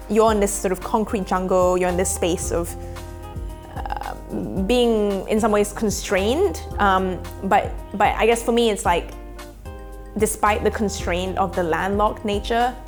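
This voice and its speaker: Soft-spoken woman in her twenties. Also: mid-range voice. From Australia. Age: 20s. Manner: soft-spoken and thoughtful, slowing down on feelings. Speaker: documentary subject. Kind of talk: reflective personal interview. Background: faint background music.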